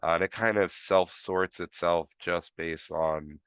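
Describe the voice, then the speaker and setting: A man's voice: low-pitched, steady tone, unhurried, fairly bright tone, smooth, no room sound, clean studio sound. A man with a New York accent, tinged with Florida, hosting a live stream and explaining things in a rambling, casual way full of fillers and restarts. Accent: New York, with some Florida.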